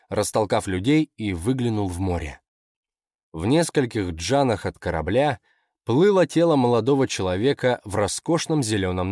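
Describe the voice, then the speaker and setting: A man reading fiction aloud in a measured, expressive narration. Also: lowish voice, no room sound, studio quality. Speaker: audiobook narrator. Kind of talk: scripted narration.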